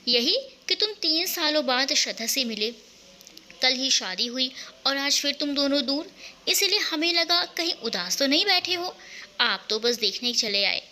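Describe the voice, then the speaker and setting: A playful young sister-in-law who teases her brother-in-law, read by a woman narrator. The voice is bright and lightly high. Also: lively intonation, normal speed, a little hiss or hum, heavily acted. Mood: teasing. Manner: playful, teasing.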